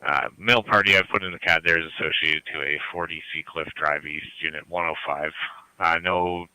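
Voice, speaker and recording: Deep, bright male radio dispatcher. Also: fairly even intonation, smooth, dry recording, rough recording. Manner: matter-of-fact, halting as he relays details. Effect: two-way radio transmission. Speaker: emergency services radio dispatcher. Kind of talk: police radio dispatch with codes. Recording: scanner radio feed.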